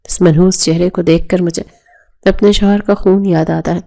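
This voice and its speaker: A woman's voice: on the low side, steady tone, gravelly, warm tone. A woman reading the lines of a bitter, reproachful young sister in a storybook narration.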